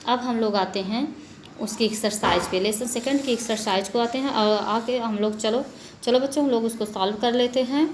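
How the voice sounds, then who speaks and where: A woman teacher walks her young students through a grammar lesson, reading each example aloud and explaining it step by step. Her voice sits a little on the high side, with a faint background hum. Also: rough recording. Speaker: school teacher. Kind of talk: classroom lesson.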